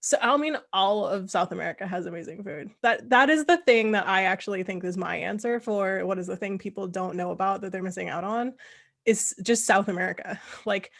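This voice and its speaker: A woman's voice: mid-range voice, a little fast, vocal fry, a bit bright. A woman from California hosting a casual chat, talking in rambling asides and laughing often. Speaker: host.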